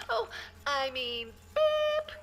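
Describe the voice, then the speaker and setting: A woman's voice: very high voice, huge pitch swings, drawn-out words, loud music behind the voice, heavily acted. A woman playing a giggly, gushing, sugary wife on a voicemail greeting in a game. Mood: giddy cheer. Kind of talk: video game voice acting.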